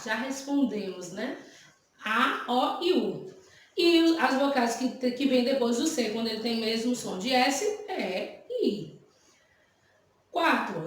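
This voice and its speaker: A woman teacher with a Brazilian Portuguese accent who patiently explains exercises to young pupils, often checking in with them. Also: high-pitched. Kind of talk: remote classroom lesson, explaining exercises. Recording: very echoey room.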